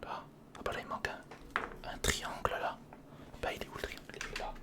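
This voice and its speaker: Working through a hands-on build, an ASMR creator mutters and thinks aloud in a breathy, unvoiced whisper. The pace is fairly quick and the tone casual.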